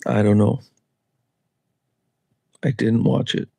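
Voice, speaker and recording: Slow, rambling man chatting on a livestream. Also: medium pitch, steady tone, vocal fry, warm tone, dry recording. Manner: rambling and loose, with chuckles and swearing. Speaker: livestream host. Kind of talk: casual solo livestream chat. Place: Canada.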